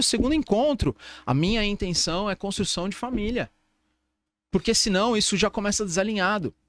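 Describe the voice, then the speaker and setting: A Brazilian man hosts a podcast, speaking at a rapid clip in a notably high voice. His tone is earnest and informal as he gives advice. The recording sounds close and dry. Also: fairly bright tone, no echo. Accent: Brazilian Portuguese. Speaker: podcast host. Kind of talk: casual podcast conversation. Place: podcast studio.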